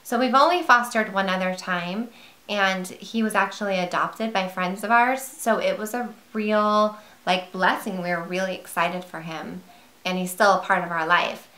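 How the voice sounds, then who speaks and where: A woman's voice: mid-range voice, steady tone, moderate pace, bright, forceful tone. A woman vlogger chatting casually to camera at home, rambling a little with fillers. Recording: roomy echo.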